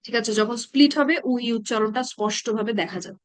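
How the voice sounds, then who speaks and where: In a live online lesson, a woman who teaches Arabic grammar speaks in a fairly high voice, slowly going through verb forms one at a time. Her manner is patient, and she keeps asking whether the class understands. The sound is close-miked and dry, without any echo.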